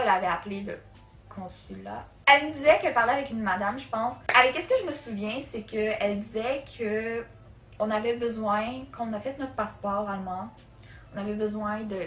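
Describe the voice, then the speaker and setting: A woman's voice: fairly high pitch, pushed and bright. A woman from Canada with a Quebec French accent, telling a casual storytime in a chatty way, full of fillers. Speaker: vlogger. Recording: echoey room, faint music.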